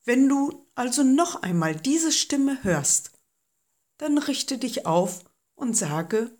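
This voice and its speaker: A woman reads the part of a patient old temple priest in a storybook, answering in a steady, even way. The voice is slow, husky and lively in its melody. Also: sits high, voice pushed up, heavily acted.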